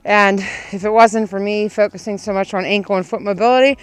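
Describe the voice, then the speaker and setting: A woman's voice: medium pitch, steady tone, fairly quick, clean tone, low-quality recording. A woman vlogging casually and talking with effort while she runs outdoors. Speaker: running vlogger. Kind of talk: casual vlog talk to camera. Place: outdoors on a snowy road in falling snow.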